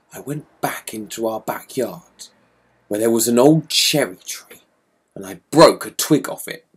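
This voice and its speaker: A man telling a childhood story, dramatic and expressive, dropping to whispers and rising again. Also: mid-range voice, husky. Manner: expressive, dramatic, swoops between whisper and loud. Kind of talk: storytelling to an audience.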